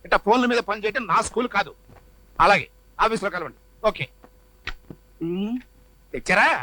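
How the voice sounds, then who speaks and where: A man's voice: sits high, normal speed, pushed and bright, a little hiss or hum, rough recording. An actor playing a fussy, theatrical rich father who dotes on his daughter. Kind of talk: Telugu film comedy acting.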